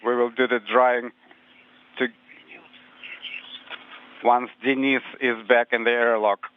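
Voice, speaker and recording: Over a tinny spacecraft radio loop with a narrow, phone-like band, a male interpreter passes along terse procedure calls in a clipped, matter-of-fact way. His medium-pitched voice is flat and slow, with slight background noise.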